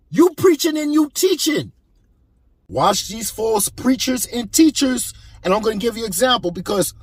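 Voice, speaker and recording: A man's voice: high voice, breathy edge, no room sound. A man giving heated, preachy commentary on a clip, emphatic and repeating himself.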